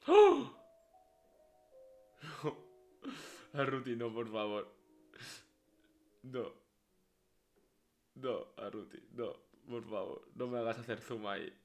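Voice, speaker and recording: A man's voice: mid-range voice, steady tone, slow pace, long pauses, soft background music. A man with a Spain Spanish accent streaming a horror game live, jumpy and swearing, talking to himself and dropping to whispers.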